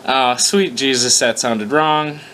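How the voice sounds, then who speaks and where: Reading his own fan fiction aloud in an informal session, this man swears casually, pokes fun at himself, and trips over his words. He speaks slowly in a mid-range voice. The audio is poor, with crowd noise in the background.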